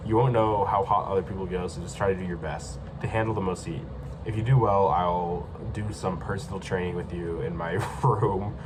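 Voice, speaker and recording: Guy doing a low sultry flirty voice, reads his own stage directions, ac hum in the room. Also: fairly even intonation, moderate pace, close to an everyday voice. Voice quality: low, breathy sultry put-on voice. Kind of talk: mock-seductive task video narration.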